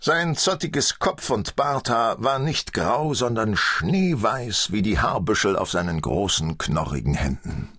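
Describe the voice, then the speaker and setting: A man narrating an audiobook in expressive storytelling fashion. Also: on the low side, a little slow, hardly any pauses, dry recording, studio quality.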